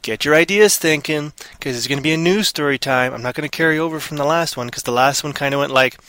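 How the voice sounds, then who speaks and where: A playful male host rambles and rants to his chat room, now and then putting on silly voices. His voice sits a little high and sounds dry and close. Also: fast talker, bright, forceful tone, clear, resonant tone, dry recording. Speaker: host of a live online show.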